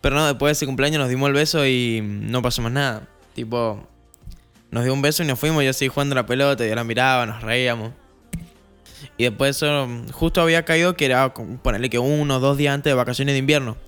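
A young man with an Argentine Spanish accent telling a casual storytime monologue, acting out the scenes with lively jumps in his voice. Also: fast, clear, resonant tone, soft background music. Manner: animated, acts out scenes with rising pitch.

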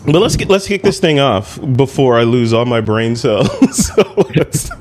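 A man hosting an interview, asking questions in a relaxed, chatty way. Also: mid-range voice, normal speed, noisy background. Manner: relaxed, chatty, laughing easily. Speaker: interview host. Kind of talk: casual interview.

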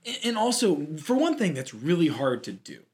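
A man co-hosting a podcast, chatting casually and airing opinions with lively asides. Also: fairly high pitch. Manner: animated, opinionated, quick asides. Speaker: podcast co-host. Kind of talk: casual chat.

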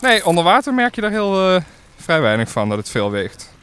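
A man's voice: high-pitched, wildly swooping pitch, a little fast, fairly bright tone, clear, resonant tone. A man, a diver, explaining his gear outdoors by a lake in a matter-of-fact way.

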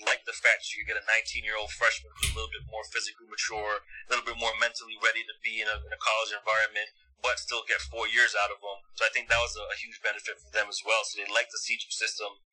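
A middle-aged former basketball player from Montreal, Canada, chats as a guest in a casual interview, talking at length and with emphasis, often repeating words as he builds a thought. His fairly low, husky voice is monotone, quick, and sharp, with few pauses, on poor audio.

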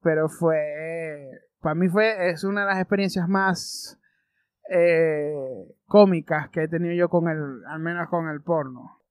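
A man with a Maracucho Venezuelan accent telling crude comedic stories as a vlogger, animated and profane, with sudden loud outbursts. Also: a little high, a little slow, clear, resonant tone, no room sound. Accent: Maracucho Venezuelan Spanish. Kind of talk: comedic storytelling.

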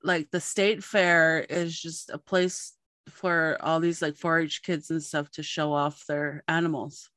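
A woman podcast host and journalist, chatting casually and telling a lively story, acting out the voices of the people in it. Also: deep voice, unhurried, no echo. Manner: animated storyteller, acts out quoted voices.

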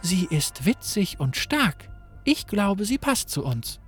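A man's voice: sits high, big pitch swings, slow, slightly rough, soft background music. A man reading a game story aloud, reacting with curious comments.

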